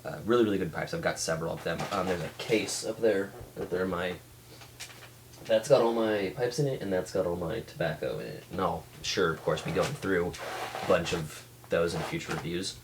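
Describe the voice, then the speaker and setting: A man giving a casual, rambling product review as a vlog reviewer, speaking haltingly and often restarting his sentences. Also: low voice, vocal fry, noisy background. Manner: halting, with many restarts and trailing thoughts. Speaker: pipe tobacco reviewer.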